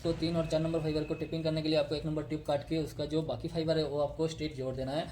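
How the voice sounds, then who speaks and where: A man's voice: fairly high pitch, flat delivery, fast talker, dark tone, slight background noise. A man explaining step by step how fiber optic cables are tapped and connected, pointing to a diagram he drew. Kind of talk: technical tutorial.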